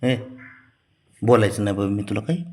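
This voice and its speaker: A man gently coaxing and apologizing to his sulking cat in soft baby talk. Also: lowish voice, expressive, brisk. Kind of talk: casual talk to a pet.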